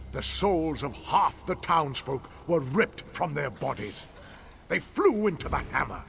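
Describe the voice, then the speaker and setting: A man playing an anguished, dying townsman spirit in a video game, speaking solemnly and haltingly with weary, dramatic pauses. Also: medium pitch, gravelly, a bit bright, a little hiss or hum, exaggerated voice. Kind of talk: video game character acting.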